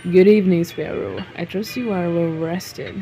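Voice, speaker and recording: A woman's voice: mid-range voice, a little slow, darkish tone, soft background music, natural voice, low-quality recording. A woman voicing a cheerful, teasing male vampire lord in a game, speaking in a polite, courtly way. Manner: polite, teasing, stumbles over names.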